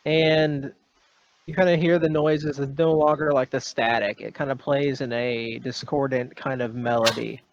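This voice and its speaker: Gravelly man narrating a tabletop game. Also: mid-range voice, flat delivery, moderate pace, lo-fi sound, slight background noise. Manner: hesitant, rambling, full of ums and kinda. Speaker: game master.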